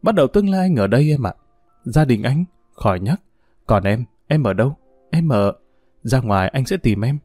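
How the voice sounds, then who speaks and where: A man voicing an anguished young man who speaks low and intensely to the woman he loves. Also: lively intonation, normal speed, a little mellow, dry recording, soft background music, close to an everyday voice.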